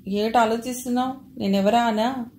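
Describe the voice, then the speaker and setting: A woman's voice: fairly high pitch, slight background noise, lightly acted. A woman reading as a confident young woman. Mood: gentle. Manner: brisk, steady, takes charge. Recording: roomy with faint ambience.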